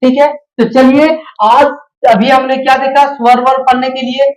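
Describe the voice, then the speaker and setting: A woman's voice: high-pitched, fairly even intonation, moderate pace, a little mellow. Echoey-voiced woman teaching the alphabet. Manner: patient, repeats "है ना" and asks questions to pupils. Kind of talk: explaining Hindi alphabet lesson.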